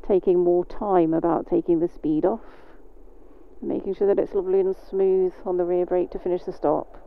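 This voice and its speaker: A British woman with a lowish voice teaches while she rides, calmly and deliberately talking through each step on wet, rainy roads. The sound comes from a phone-like helmet mic and carries engine and road noise.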